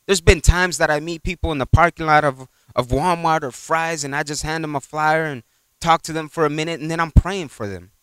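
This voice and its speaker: A man delivers an informal sermon in a church, his voice bright and crisply resonant. He rambles comfortably and retells everyday exchanges, leaning often on "you know." The sound is close and dry. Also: a little high, fairly even intonation, brisk, no echo. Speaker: preacher. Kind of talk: conversational sermon.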